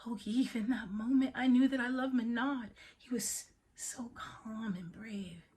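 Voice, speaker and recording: A woman performs an intimate dramatic monologue as a haunted woman confiding a tale of passion, hushed, breathy and measured. Her voice is on the high side, close to how she'd normally speak.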